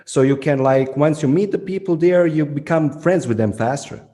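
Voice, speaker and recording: A man hosts a podcast interview in a relaxed, mellow voice. He sums up what his guest says, and a long reverb trails behind his voice. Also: a little high, moderate pace. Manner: sums up points, gives short backchannels. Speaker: podcast host.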